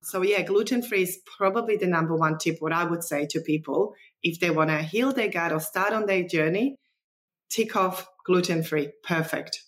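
Speaking at a moderate pace with a fairly low pitch, this woman is a nutritionist guest originally from the former Czechoslovakia. Her casual storytelling is chatty and enthusiastic, marked by non-native phrasing.

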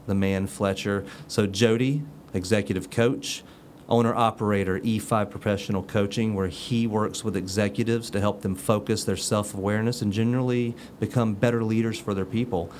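Low-voiced joking male host. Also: fairly even intonation, moderate pace, hardly any pauses, darkish tone, slight background noise. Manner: joking, rambling with fillers. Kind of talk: casual chat.

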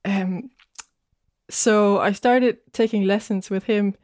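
A woman from Denmark, a guest musician in an interview, speaking thoughtfully with frequent pauses and fillers. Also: medium pitch, steady tone, a little mellow, dry recording, clean studio sound. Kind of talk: casual interview chat.

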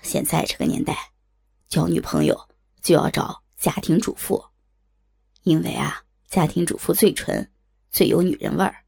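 A woman voicing a pushy, smooth-talking man who speaks in a low, half-whispered coaxing way. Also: big pitch swings, normal speed, a little mellow, heavily acted.

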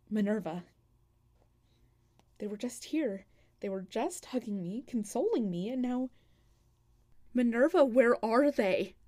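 In an audio drama monologue, a woman with a slightly high voice plays an anguished guardian who brings lost people home. Frantic, she stammers and pleads, sometimes dropping to a whisper.

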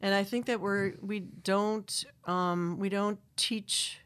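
A woman's voice: medium pitch, fairly even intonation, takes it slowly, fairly bright tone, clear, resonant tone. A middle-aged woman from Wisconsin with a Wisconsin accent, chatting as a guest in an interview, talking in long restarting runs and laughing often. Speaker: singer-songwriter guest. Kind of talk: casual interview chat. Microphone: studio microphone.

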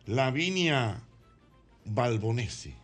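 A man's voice: mid-range voice, sing-song, takes it slowly, soft background music. A Dominican man hosting a radio show, bantering playfully with callers and cohosts. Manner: flirty, playful, laughs often.

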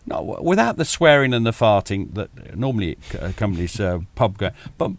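A middle-aged man talks over a video call, his pitch leaping up and dropping away as he warms to a point. He restarts his sentences often and chuckles at himself. The sound is close and dry, with no room around it. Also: brisk, no room sound. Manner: animated, self-deprecating, chuckles often, frequent restarts. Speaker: military historian, podcaster, guest.

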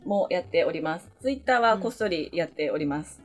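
A woman chatting as a guest on a podcast, soft-spoken and often laughing as she talks. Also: lowish voice, expressive, brisk, faint music behind. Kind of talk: casual chat.

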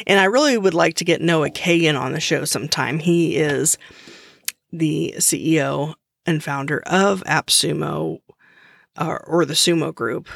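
A woman hosting her own podcast talks through a subject in a relaxed, unscripted way, often restarting a sentence as she goes. Her delivery is slow and easygoing. The sound is dry and close, with no room echo. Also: low voice, creaky. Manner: chatty, restarts often, uses fillers. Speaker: podcast host. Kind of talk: casual solo podcast explainer.

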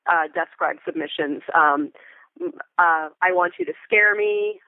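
In an unhurried, fairly low voice, a middle-aged American woman talks as an interview guest about being a theater Foley artist, using wordy, articulate phrasing and vivid examples. The recording is dry and phone-like, with a band-limited sound.

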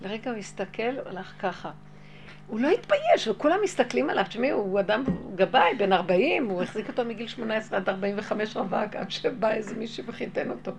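A woman telling a story in a casual, animated way, often laughing and acting out what people said. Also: a little high, gravelly. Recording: loud music behind the voice.

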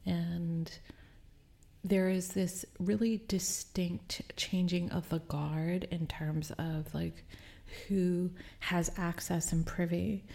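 A woman hosting a podcast, talking alone in a slow, hesitant, reflective way and often sinking into a whisper, with a low morning voice. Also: fairly even intonation, gravelly, dark tone. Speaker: podcast host. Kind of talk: casual reflective monologue.

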